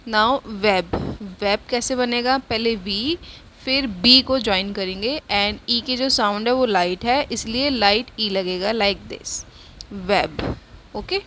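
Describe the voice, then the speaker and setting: A woman teaching a shorthand lesson, slowly repeating each word several times and mixing Hindi with English. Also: mid-range voice, pushed and bright, a little hiss or hum. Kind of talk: step-by-step spoken lesson.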